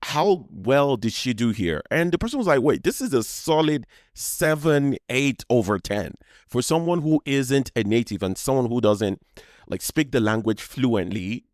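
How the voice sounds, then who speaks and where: A Nigerian man with a Yoruba accent hosts a casual solo podcast, his medium-pitched voice expressive and measured in pace. He rambles conversationally, often doubling back mid-phrase. The recording is dry, with clean studio sound.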